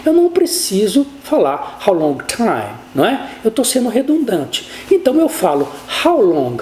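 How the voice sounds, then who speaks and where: Lively-voiced woman teaching English grammar. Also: mid-range voice, roomy sound, slight background noise. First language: Portuguese. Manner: explains slowly, asks checking questions; says English example sentences slowly and clearly. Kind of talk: grammar lesson. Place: room in her house.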